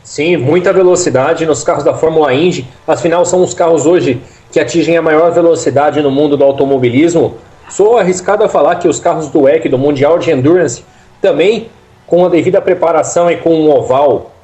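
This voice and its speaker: Mellow, slightly high-voiced Brazilian man. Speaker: motorsport pundit. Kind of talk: conversational racing analysis.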